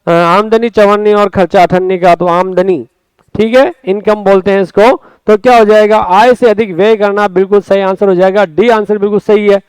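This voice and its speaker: A man teaching a spoken exam-prep Hindi lesson, lively, stretching words out and calling his students friends, with a Rajasthani Hindi accent. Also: high voice, moderate pace, clear, resonant tone, no room sound, rough recording. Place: classroom or studio.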